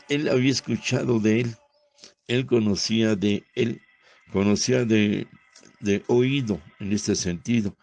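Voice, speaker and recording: A man with a Mexican Spanish accent preaching a sermon, talking at a measured pace and calling out loudly when he voices quoted pleas. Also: fairly low pitch, creaky.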